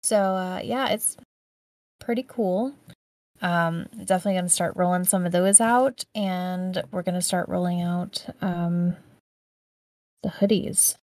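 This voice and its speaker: A woman co-hosting a podcast in casual chat, relaxed and full of fillers, laughing along with her friend. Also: on the low side, a little slow, no echo. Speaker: podcast co-host.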